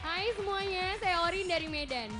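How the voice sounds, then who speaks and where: A woman's voice: extremely high pitch, moderate pace, music in the background. A young woman contestant briefly introducing herself on a TV talent show. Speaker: singing contestant.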